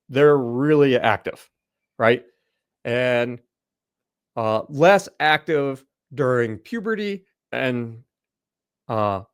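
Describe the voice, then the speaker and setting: A man's voice: medium pitch, no room sound, studio quality. A middle-aged man, a naturopathic doctor, explaining a slide presentation in a loose conversational way, with lots of fillers and restarts.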